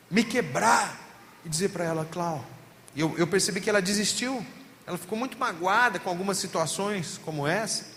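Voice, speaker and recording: A man with a Brazilian Portuguese accent, a pastor preaching at a family seminar and telling stories with lively emphasis. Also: high-pitched. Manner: animated storytelling, voice rising and falling for emphasis. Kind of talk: sermon. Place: church hall at a family seminar. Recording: reverberant hall, faint background noise.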